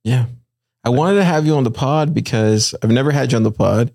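A man's voice: medium pitch, a little fast, vocal fry, darkish tone. A man hosting a casual podcast chat, laid-back and rambling with lots of fillers. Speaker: podcast host. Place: car.

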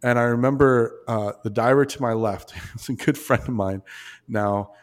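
A man, a podcast guest, telling a story in a casual, animated way, full of restarts and asides. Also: mid-range voice, normal speed.

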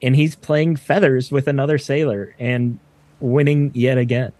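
A man's voice: medium pitch, fairly even intonation, moderate pace, a little mellow, no echo. A man narrating a fantasy tabletop game as game master.

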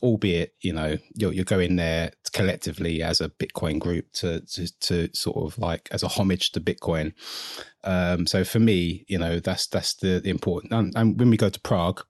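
A man's voice: low voice, fairly even intonation, moderate pace, no echo, studio quality. A man co-hosting a podcast, talking casually and chewing pizza while he speaks, sometimes swearing. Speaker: podcast co-host. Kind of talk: casual chat.

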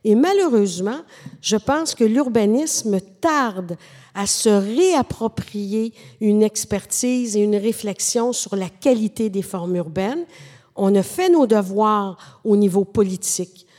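Measured Québécois woman professor, reverberant room. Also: medium pitch, lively intonation, a little mellow. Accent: Québécois French. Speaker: urban planning professor, guest. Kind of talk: podcast conversation.

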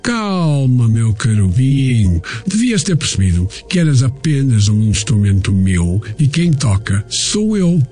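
An actor playing a mad, sinister aristocratic villain who speaks in a mocking, sweetly menacing way in an audio drama. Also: male voice, mid-range voice, very animated, a little slow, few pauses, dark tone, faint music behind. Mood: gloating.

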